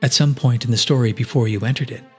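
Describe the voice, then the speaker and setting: A man voicing a calm, wise male guardian who speaks in a measured, reassuring way, in a storybook drama. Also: mid-range voice, faint music behind, lightly acted.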